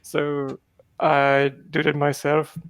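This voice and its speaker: A man's voice: a little high, monotone, slow pace, clean tone, no room sound. A man, a project founder from Czechia, answering interview questions in a rambling way with many fillers and restarts.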